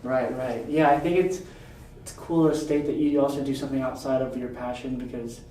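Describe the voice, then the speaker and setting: A podcast host asking relaxed, encouraging questions in a casual interview recorded outdoors on a windy day. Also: medium pitch, brisk. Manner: relaxed, encouraging, asks questions with many "mm-hmm" replies. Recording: roomy, from a distant mic.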